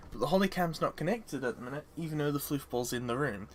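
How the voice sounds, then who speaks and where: A woman's voice: low-pitched, lively intonation, fast talker, slight background noise. A sleepy woman, chatting loosely and giggling often as she streams a game. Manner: giggly, rambling, often breaks into laughter. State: sleepy, yawning. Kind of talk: casual live-stream chat.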